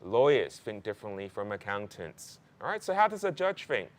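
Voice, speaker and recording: A man's voice: fairly low pitch, big pitch swings, normal speed. Man presenting with frequent checking tags. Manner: conversational, emphatic, frequent "right?" and "okay?" tags. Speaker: law program presenter. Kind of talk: informational presentation to prospective students.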